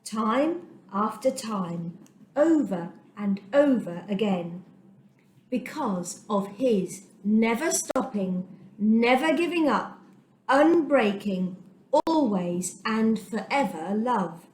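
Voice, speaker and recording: A woman narrates a children's Bible story in a medium-pitched, slightly mellow voice with lively intonation, phrasing it deliberately and dramatically with emphasis. She's recorded in an echoey room with slight background noise.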